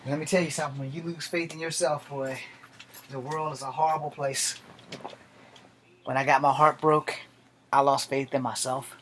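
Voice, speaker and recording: A man's voice: fairly high pitch, flat delivery, normal speed, long pauses, a bit bright, a little hiss or hum. Blunt, profane man in his forties. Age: 40s. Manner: blunt and profane, defiant and determined. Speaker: army veteran vlogger. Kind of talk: personal monologue to camera.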